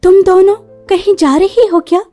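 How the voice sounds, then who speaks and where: A woman voicing a kind, humble poor young daughter-in-law in a cartoon story, gentle and eager. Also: extremely high pitch, steady tone, normal speed.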